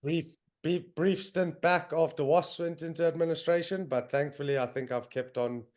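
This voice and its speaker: Hosting a podcast by video call from his northern England home, a young man with a South African accent talks in a voice on the high side with a darkish tone. His intonation is fairly even and his pace moderate, and the loose, enthusiastic chat is peppered with fillers.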